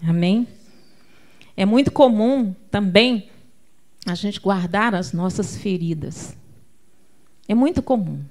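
A woman's voice: mid-range voice, animated, takes it slowly, pauses often, darkish tone. A woman preacher with a Brazilian Portuguese accent gives an emphatic sermon, calling out to the congregation and telling homely stories.

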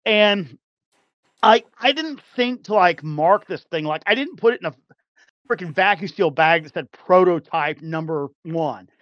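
A man with a high voice chats loosely as a podcast guest, circling back with fillers and restarts and laughing often. The sound is dry and a bit muffled. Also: unhurried, dry recording. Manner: rambling, many fillers and restarts, laughs easily. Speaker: podcast guest, game developer. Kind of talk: casual chat.

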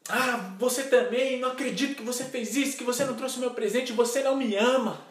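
Man playing a spoiled little girl, high and whiny, demanding, in a roomy echo. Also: steady tone, a little slow, gravelly, full character voice. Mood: demanding, sulky. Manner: whiny, indignant. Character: spoiled older daughter, young girl, demanding. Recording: echoey room.

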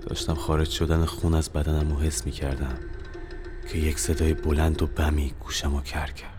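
A man's voice: a bass voice, little pitch movement, loud music behind the voice. A young man narrating his own horror audio novel in the first person, with dramatic, tense storytelling. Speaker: narrator and author.

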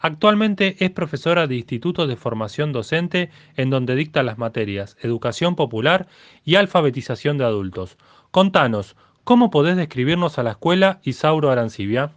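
A man's voice: a little high, expressive, moderate pace, no echo, dull audio. A man with an Argentine accent, a radio host presenting the news formally. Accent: Argentine Spanish. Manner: formal, clear announcing.

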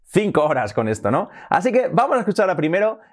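A man with a Spain Spanish accent gives a casual English lesson. His pitch moves a lot as he talks. He stretches out words slowly to drill each sound. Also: big pitch swings. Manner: slow, exaggerated pronunciation drills. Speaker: English teacher.

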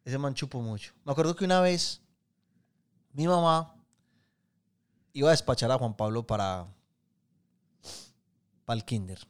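A man with a Colombian Paisa accent co-hosts a casual podcast. He tells stories in an animated, loose way, full of street slang and easy swearing. His voice sits at an ordinary pitch for a man. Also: moderate pace, pauses often, clean tone. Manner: animated, slangy storyteller who swears freely. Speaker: podcast co-host. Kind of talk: casual chat.

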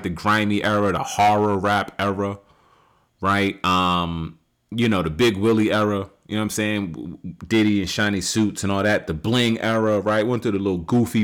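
A man in his late thirties hosting a solo podcast, talking casually and rambling with many fillers and restarts, rising loud and high when he makes a point. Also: fairly even intonation, moderate pace. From United States. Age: 30s. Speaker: podcast host.

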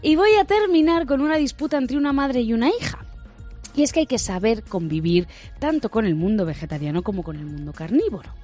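A woman's voice: fairly high pitch, a little mellow. A woman co-hosting a morning radio show, reading out a light news item. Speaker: radio co-host. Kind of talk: casual radio banter.

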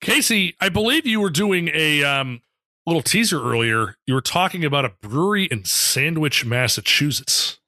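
Bright-voiced man hosting a casual podcast. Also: on the high side, animated, moderate pace, no echo. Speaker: podcast host leading segments.

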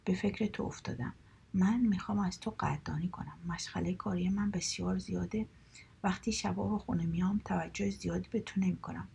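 A woman voicing a middle-aged company boss speaking tenderly to his son, in a husky, gravelly voice. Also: on the low side, fairly even intonation, mellow, exaggerated voice. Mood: heartfelt.

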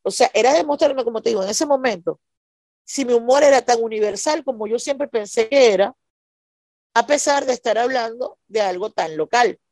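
A woman from Maracaibo, Venezuela, a stand-up comedian, tells stories as a podcast guest, explaining things conversationally and often checking that she's understood. Her voice is fairly high and darkish, her pace moderate, and the recording dry.

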